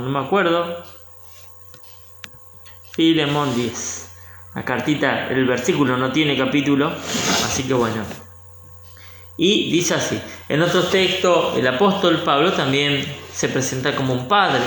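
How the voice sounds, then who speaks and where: Priest guy, kinda high voice, slow and unhurried, echoey room. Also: fairly bright tone, slight background noise. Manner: unhurried, pauses to look up verses. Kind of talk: informal teaching talk.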